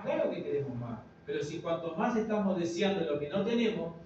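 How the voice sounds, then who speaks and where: An older man preaches to his congregation in a relaxed, chatty sermon, checking in with them again and again. His voice sits a little high and sounds distant, in a very reverberant meeting room. The recording is dull and noisy. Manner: conversational preaching, frequent tag questions to the congregation. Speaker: pastor.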